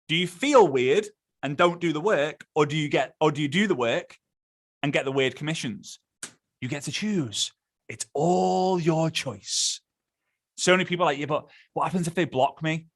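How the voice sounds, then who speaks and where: Animated man coaching. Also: on the high side. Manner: animated, repeats himself, acts out quick examples. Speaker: social media coach. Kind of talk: motivational teaching talk.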